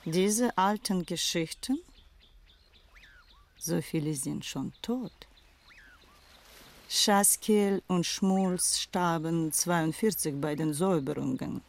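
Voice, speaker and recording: In a dubbed film thriller, an actress plays a proud, world-weary former madam who has become a respectable wife, sounding disdainful and wistful. Her female voice is on the low side, slow and creaky, with long pauses.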